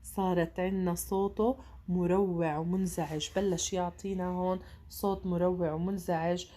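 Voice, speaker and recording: Mellow-voiced woman teaching English. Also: on the low side, little pitch movement. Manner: reads English slowly, explains in Arabic. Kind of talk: bilingual reading lesson.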